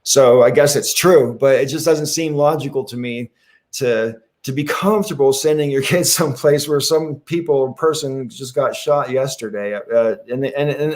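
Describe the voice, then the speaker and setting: A man on a podcast panel thinking aloud in casual chat, hesitant and full of restarts. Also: mid-range voice.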